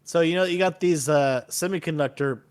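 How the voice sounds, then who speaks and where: A man's voice: fairly high pitch, brisk, smooth. A man acting as a prank caller, pestering and repeating his questions insistently in improvised comedy banter.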